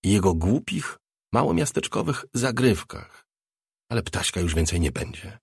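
Low, husky man reading an audiobook. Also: sing-song, moderate pace, no echo, clean studio sound. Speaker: audiobook narrator. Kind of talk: scripted audiobook narration.

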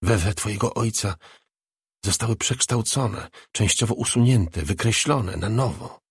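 An ancient female spirit of the dead speaks in a grave, commanding hush, as a man reading an audiobook puts her on. The voice sits low and husky, half whispered. The recording is dry and close. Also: measured pace, no echo, exaggerated voice.

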